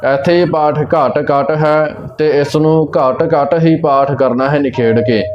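A man teaching the correct recitation of scripture, reading verses slowly and carefully and explaining how each word is pronounced. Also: on the high side, fairly even intonation, slight background noise. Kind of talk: slow recitation lesson. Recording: dull lo-fi audio with faint music.

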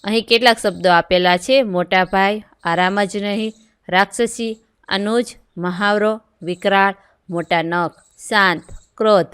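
A woman's voice: mid-range voice, fairly even intonation, unhurried, fairly bright tone, clean tone, no room sound. A woman teacher reading a worksheet aloud, going through items and answers one by one. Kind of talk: worksheet lesson read aloud.

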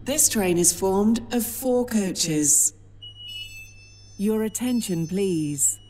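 A woman giving a recorded train station announcement in a measured, evenly spaced announcer delivery. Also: medium pitch, dark tone, slight background noise. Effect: automated train station announcement. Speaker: platform announcer.

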